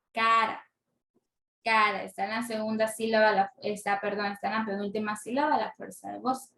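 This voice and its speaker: A woman teaching a slow classroom lesson, patiently repeating words and syllables aloud. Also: medium pitch, fairly bright tone. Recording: echoey room.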